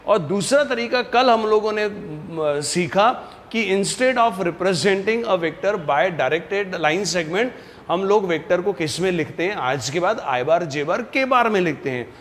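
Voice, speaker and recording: A man's voice: high-pitched, expressive, slow, fairly bright tone, in a large hall, a little hiss or hum. A man teaching maths in a classroom, explaining step by step and repeating key words. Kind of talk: classroom lecture.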